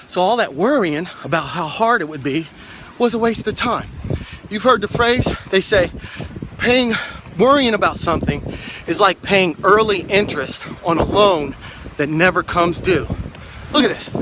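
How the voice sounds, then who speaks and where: Winded high-voiced man climbing outdoors. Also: lively intonation, moderate pace. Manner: encouraging, talks to camera while climbing stairs. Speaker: vlog host. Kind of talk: motivational walking vlog. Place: outdoors on reservoir steps. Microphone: handheld phone. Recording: loud wind noise on phone mic.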